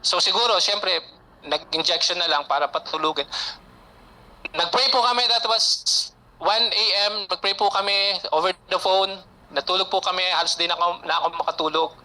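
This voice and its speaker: A man's voice: high-pitched, steady tone, moderate pace, pushed and bright, poor audio. A man giving an earnest, emotional personal testimony, retelling conversations in his own words. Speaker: testimonial speaker.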